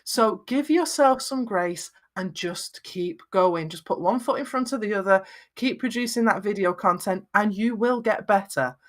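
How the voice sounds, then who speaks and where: A middle-aged woman with a Lancashire accent and very flat vowels, giving encouraging, conversational advice in an interview. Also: medium pitch, normal speed, few pauses. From Lancashire, northwest England. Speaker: video confidence coach and podcaster.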